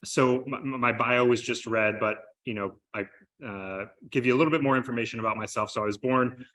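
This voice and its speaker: A man's voice: mid-range voice, fairly quick, fairly bright tone, low-quality recording. A man from the United States in his thirties giving a conference presentation, upbeat and conversational, with many fillers. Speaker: conference speaker. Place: conference room.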